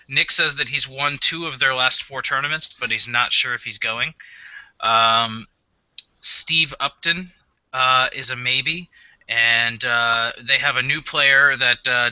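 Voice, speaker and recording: Guy hosting a podcast, lots of uhs, sharp bright voice, kinda muffled dry sound. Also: mid-range voice, clear, resonant tone, no echo. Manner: hesitant, lots of "uh" fillers, reads through lists. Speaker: podcast host. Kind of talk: casual chat. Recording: dull, dry, muffled audio.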